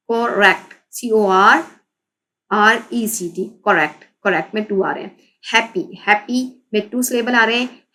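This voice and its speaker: A woman's voice: on the high side, fairly bright tone, poor audio. Woman teaching a textbook lesson. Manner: explains in Urdu, reads English slowly and spells out letters.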